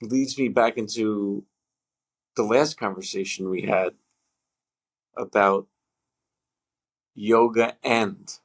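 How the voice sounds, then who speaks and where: A man co-hosting a casual podcast chat, talking in halting bursts with many fillers and restarts, laughing as he tells a story. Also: on the low side, steady tone. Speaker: podcast co-host.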